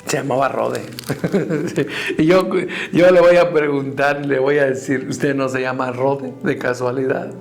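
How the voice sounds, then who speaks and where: A Mexican-accented man preaches in a slow, chatty way, often repeating his words and voicing the people he describes. His voice sits a little high and has a gravelly edge. Soft music plays faintly behind him. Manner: conversational, repeats words and acts out quoted people. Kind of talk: sermon.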